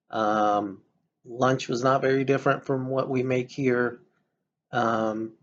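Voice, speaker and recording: A middle-aged man from El Salvador, giving a measured, hesitant self-introduction for a class, with frequent ums. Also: on the low side, muffled recording, slight background noise. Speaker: college student.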